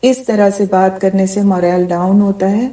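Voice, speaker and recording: A woman's voice: mid-range voice, warm tone, recorded from a distance, low-quality recording. A middle-aged woman giving a Quran commentary lecture, telling stories from her teaching in an earnest way.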